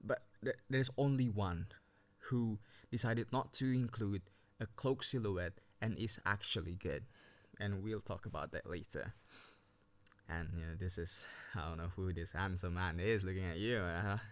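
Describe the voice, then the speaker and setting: A man's voice: low voice, normal speed. A man giving casual commentary on game skins, rambling with many restarts and running out of breath, recorded on a built-in device mic under a blanket. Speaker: video game skin reviewer. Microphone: built-in device mic without headset.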